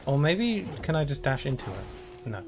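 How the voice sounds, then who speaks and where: A man's voice: mid-range voice, big pitch swings, moderate pace, music in the background. A man casually chatting on a live stream as he plays a game, reacting aloud to what happens on screen. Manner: reacts aloud to gameplay with exclamations.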